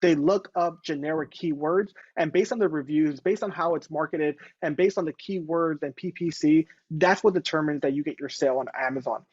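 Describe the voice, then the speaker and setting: Young man in his twenties, relaxed casual interview guest, slightly high voice, dry muffled video call sound. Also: fairly quick, few pauses, slightly rough, no room sound. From Los Angeles. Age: 20s. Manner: relaxed, fillers like "going ahead". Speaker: guest entrepreneur.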